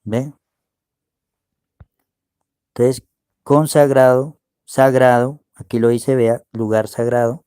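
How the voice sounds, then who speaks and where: Guy slowly going over bible words, mellow voice, dry close mic. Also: medium pitch, fairly even intonation, smooth, dry recording. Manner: slow, explaining, asks "¿ve?" often. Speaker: preacher teaching Hebrew words. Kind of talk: screen-share Bible word study.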